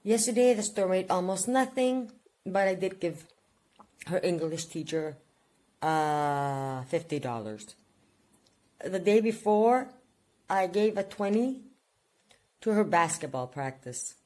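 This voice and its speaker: A woman's voice: fairly low pitch, animated, slow, pauses often, a little mellow. A woman in her forties, a vlogger chatting casually at home and jumping from one subject to the next. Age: 40s. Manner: rambling, chatty, jumps between subjects. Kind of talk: casual vlog chat.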